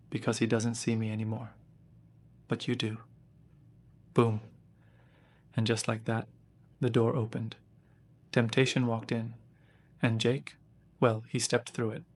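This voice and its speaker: A man giving scripted, conversational narration with punchy phrasing and dramatic pauses. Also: medium pitch, fairly bright tone, no echo.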